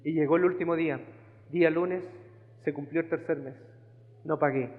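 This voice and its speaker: Animated Chilean preacher in echoing church. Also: male voice, a little high, moderate pace. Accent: Chilean Spanish. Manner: animated storyteller acting out voices. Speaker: pastor. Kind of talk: sermon testimony. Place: church sanctuary. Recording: phone-like band with long hall reverb.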